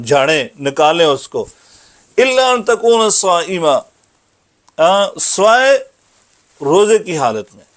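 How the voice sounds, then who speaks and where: A man giving a religious lesson, reciting Arabic phrases slowly and then explaining them plainly. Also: high-pitched. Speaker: Islamic teacher giving a hadith lesson.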